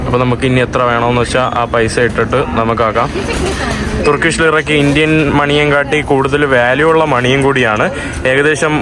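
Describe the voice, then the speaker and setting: A man's voice: mid-range voice, steady tone, brisk, crowd noise. A man with a Kerala accent chatting casually as a travel vlogger, mixing Malayalam and English in an informal running commentary to viewers. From Kerala, India. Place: on the move outdoors and in metro stations. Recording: noisy outdoor street and transit ambience.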